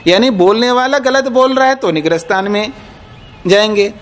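High-voiced Hindi-speaking man teaching. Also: lively intonation, moderate pace. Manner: explains patiently with repeated examples and check-ins. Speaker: teacher of Nyaya philosophy. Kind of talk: classroom explanation.

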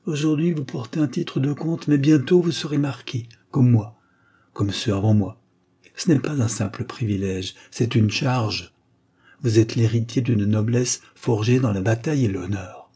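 A man's voice: mid-range voice, unhurried, dark tone, husky. A man voicing a stern, proud aristocratic father, an aging marquis, in an audiobook, solemn and insistent.

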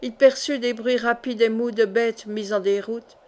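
A woman narrating a classic adventure novel in a measured, expressive audiobook reading. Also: a little high. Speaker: audiobook reader.

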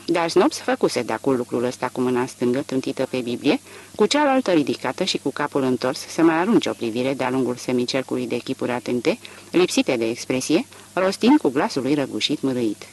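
A man narrating a literary audiobook in an expressive, varied storytelling manner. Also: medium pitch, gravelly.

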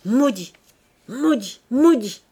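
A woman's voice: high voice, measured pace, darkish tone, pitched above the performer's own voice. A woman voicing a haunted, furious old madwoman who cries out and raves in a singsong. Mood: raving. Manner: wild cries and singsong ravings.

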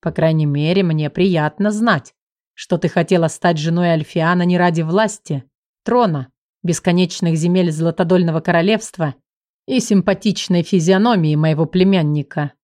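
A woman voicing a teasing, affectionate young male sorcerer who speaks low and lazily. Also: moderate pace, darkish tone, dry recording, close to an everyday voice. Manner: wry, affectionate, low and lazy.

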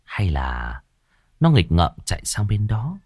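A man's voice: lowish voice, wildly swooping pitch, takes it slowly, darkish tone, no echo. A man reading a scripted audiobook story in a dramatic storytelling manner, shifting into character voices.

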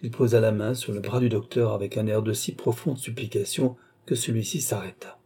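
A man narrating a classic novel as an audiobook, in an even, literary reading. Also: on the low side, a little fast, breathy edge. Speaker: audiobook reader.

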